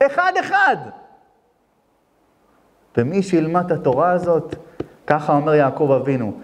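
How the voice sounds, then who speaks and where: A rabbi giving an impassioned sermon. He asks rhetorical questions and answers them himself, and his voice swings between loud and hushed. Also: extremely high pitch. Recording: long hall reverb.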